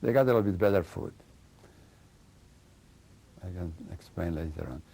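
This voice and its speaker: An older man giving oral history testimony, halting as he searches for words and often adding "you know.". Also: low-pitched, gravelly, warm tone, breathy edge. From Slovakia and Hungary. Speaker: interviewee recounting memories.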